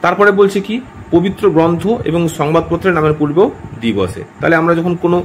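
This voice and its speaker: Here a man delivers an explanatory grammar lesson quickly, his voice a little high, with some hiss or hum audible. He keeps pausing to check on listeners and restates points as he corrects his phrasing.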